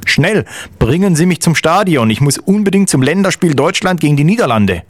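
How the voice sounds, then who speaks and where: A man voicing a hurried, breathless male passenger urging a taxi driver on, in a joke. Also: a little high, sing-song, no echo, voice pushed up. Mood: urgent. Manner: urgent, hurried.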